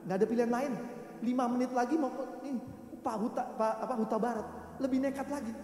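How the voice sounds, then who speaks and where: High-voiced pastor in an echoey hall. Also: male voice, fast talker. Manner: lively storytelling with quoted voices and laughter. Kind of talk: sermon. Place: large church hall.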